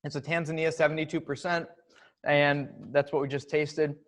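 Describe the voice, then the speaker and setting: A man's voice: on the high side, moderate pace. A man hosting, casually explaining how a chocolate bar was developed and what subscribers get. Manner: relaxed, explanatory. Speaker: host. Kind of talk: casual product talk.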